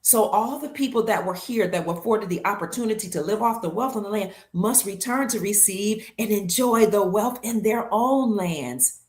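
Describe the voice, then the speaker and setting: Hosting her own show, a woman with a medium-pitched, slightly mellow voice delivers an emphatic monologue to her viewers. She leans hard on key words, slows down for stress, and stacks ideas into lists. The room gives her voice a noticeable echo.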